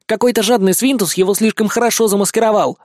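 A man voicing a sly little boy mouse scout with a squeaky, wheedling voice for a children's fantasy audiobook. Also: darkish tone, no echo, clean studio sound, lightly acted. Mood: reporting. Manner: squeaky, wheedling pleading and fast-talking boasts.

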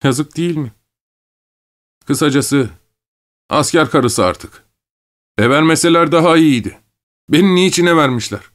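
A man voicing a young male peasant conscript, desperate and volatile, who pleads bitterly and then yells wildly. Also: a little high, measured pace, pauses often, voice pushed up. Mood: bitter, grieving.

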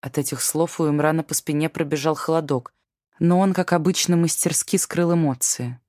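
A woman reading a novel aloud as audiobook narrator, in a measured, even way. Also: low-pitched, no room sound, clean studio sound. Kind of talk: scripted narration.

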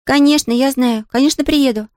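A woman voicing an excitable, chatty young girl in an audiobook reading, talking in a breathless rush. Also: high-pitched, brisk, no echo, studio quality, voice pushed up, close to an everyday voice. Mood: excited.

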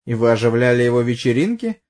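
A man's voice: medium pitch, big pitch swings, fast, a little mellow, lightly acted. A man doing a pushy sarcastic detective. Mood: probing. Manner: pressing, mocking, blunt. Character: pushy sarcastic middle-aged police detective.

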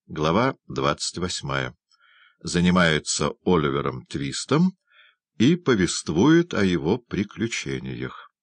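A man reading a classic novel aloud as an audiobook, in a measured, expressive way. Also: rumbling low, no echo. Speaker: narrator.

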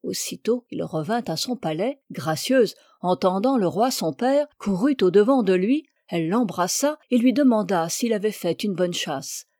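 A woman reading a classic fairy tale aloud in a measured, expressive storybook narration. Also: mid-range voice, dry recording, clean studio sound. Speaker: reader.

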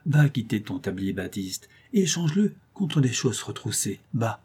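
A man's voice: medium pitch, lively intonation, moderate pace, dark tone, natural voice. A man voicing a gracious, kindly young princess in a storybook reading.

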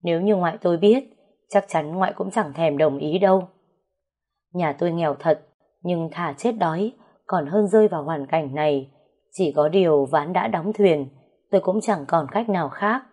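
A woman narrating a story in a steady, sorrowful way. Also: lowish voice, moderate pace, husky.

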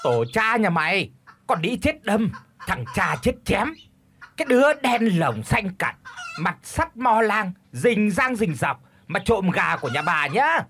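A man's voice: high-pitched, very animated, measured pace, fairly bright tone, slight background noise, pitched above the performer's own voice, heavily acted. A male narrator voicing a foul-mouthed village wife who screams curses and wails to the heavens. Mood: cursing. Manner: screeching curses and wailing laments.

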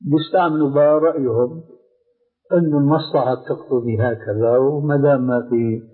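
Brief: man, calm explanatory scholar, mid-pitched, on a tinny old tape. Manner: measured, explanatory, checks understanding. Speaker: scholar answering questions. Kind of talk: religious question-and-answer session. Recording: narrow, phone-like old tape recording.

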